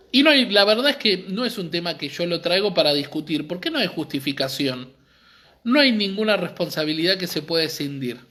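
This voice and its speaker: High-voiced earnest Argentine man. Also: sharp tone. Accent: Argentine Spanish. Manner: earnest, explanatory, often checks in with the listeners. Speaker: community library speaker. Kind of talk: live-streamed talk.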